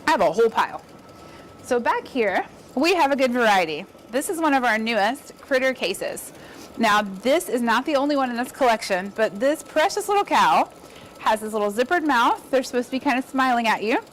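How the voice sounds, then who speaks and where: A woman's voice: fairly high pitch, expressive, moderate pace, slight background noise. A woman giving an upbeat, chatty embroidery demonstration, encouraging viewers as she works. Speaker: embroidery instructor. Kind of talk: casual demonstration.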